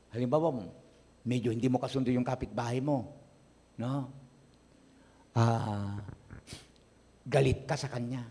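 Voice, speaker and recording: A Filipino man preaching a sermon as pastor, often asking the congregation questions and answering them himself. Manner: addresses the congregation often, asks questions and gives its replies; rises from quiet, low delivery to loud, high, emphatic preaching. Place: church service.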